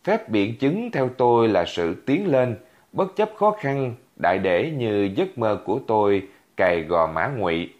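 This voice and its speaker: A man's voice: lowish voice, sing-song, unhurried, a little mellow. A man narrating a first-person story in a vivid, dramatic way. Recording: dull lo-fi recording.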